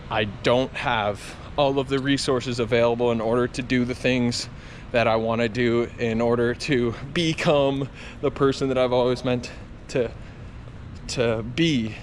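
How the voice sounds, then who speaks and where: A man talking reflectively to camera in an earnest, confessional way, as a running vlogger. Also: medium pitch. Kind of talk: reflective vlog talk to camera. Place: outdoors on a campus. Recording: clear outdoor traffic and ambient noise.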